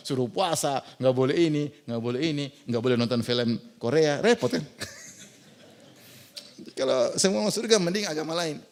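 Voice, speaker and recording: Male preacher, slightly high-pitched, animated and mocking, rhetorical questions, mosque sermon. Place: large mosque.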